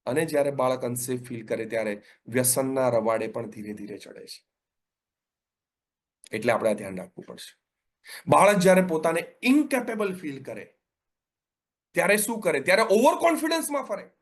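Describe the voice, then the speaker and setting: A middle-aged man giving a parenting webinar talk, animated and acting out the lines of children and parents. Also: high-pitched. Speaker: parenting coach.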